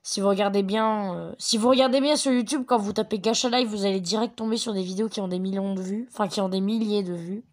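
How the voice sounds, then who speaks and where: A woman giving rambling, chatty commentary on a mobile game from her bedroom at home. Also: medium pitch. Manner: chatty, rambling, quick to get excited. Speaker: gameplay commentator. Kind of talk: casual gaming commentary.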